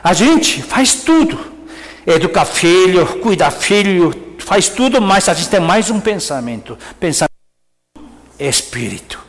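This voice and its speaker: Animated high-voiced pastor in a reverberant hall. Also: male voice, measured pace. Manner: animated preaching, acting out quoted speech; drops to soft murmurs for prayers. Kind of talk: sermon. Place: church. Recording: long reverb of a church hall.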